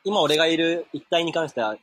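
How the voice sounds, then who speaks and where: A man with a husky voice, chatting casually as a podcast co-host. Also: a little high, a little fast, fairly bright tone, no room sound. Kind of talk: casual chat. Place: Thai restaurant or cafe, calling in.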